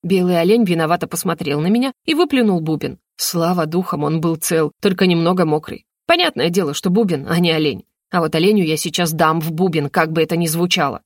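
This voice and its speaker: A woman reading a first-person storybook narration in a lively, expressive way. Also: fairly low pitch, fairly quick, hardly any pauses, dry recording, clean studio sound. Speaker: audiobook reader.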